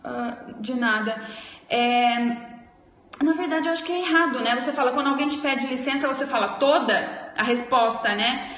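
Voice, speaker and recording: A woman teaching spelling rules in a live stream. She explains things slowly and often checks in with her listeners. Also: high-pitched, a bit bright, echoey room, in a large hall. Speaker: Portuguese language teacher. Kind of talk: live-streamed grammar lesson.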